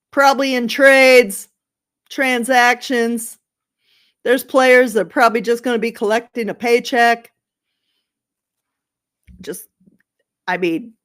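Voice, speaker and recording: A woman hosting her own sports podcast late at night, chatting alone in a rambling, sarcastic, gossipy way with playful outbursts. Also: medium pitch. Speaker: podcast host. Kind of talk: casual solo sports podcast.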